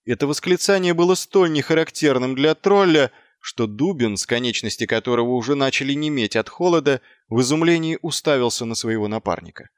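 A man narrating an audiobook with expressive storytelling. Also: mid-range voice, fairly quick, hardly any pauses, clear, resonant tone, dry recording, clean studio sound.

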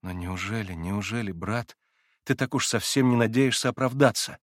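A man voicing a gentle young man who is a tender younger brother, speaking in a soft, earnest, hesitant way. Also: fairly low pitch, normal speed, no echo, clean studio sound, close to an everyday voice. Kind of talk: audiobook character voice.

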